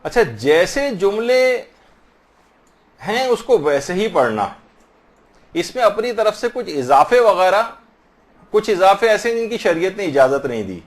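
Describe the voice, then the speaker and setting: A man giving a religious lesson, slowly demonstrating and repeating words of prayer to correct pronunciation. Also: high voice, very animated. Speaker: religious teacher.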